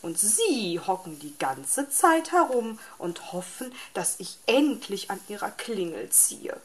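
A woman's voice: medium pitch, very animated, slow. A woman voicing a grumpy, lazy male fox in a storybook reading, irritable and grumbling.

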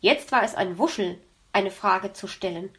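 A woman narrating a children's story in a calm, even storytelling manner. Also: medium pitch, moderate pace. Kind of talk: audiobook narration.

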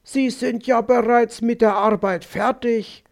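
A man's voice: extremely high pitch, steady tone, unhurried, creaky, full character voice. A man voicing a smug, overly solicitous male fox who talks in a soothing, patronizing way. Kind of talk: audiobook character voice.

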